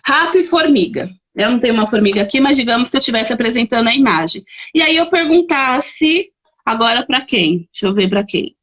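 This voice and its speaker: Hosting a live-streamed lesson, a Brazilian Portuguese-accented woman gives examples, chats, and reads out comments from viewers. Her voice sits on the high side and is a bit bright, expressive, and brisk. The sound is lo-fi.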